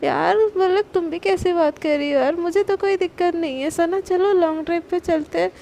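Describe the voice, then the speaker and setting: A woman's voice: very high voice, steady tone, normal speed, gravelly, mellow, a little hiss or hum, pitched above the performer's own voice. A woman voicing a pushy, clingy young man in a told love story, talking insistently and a little whiny.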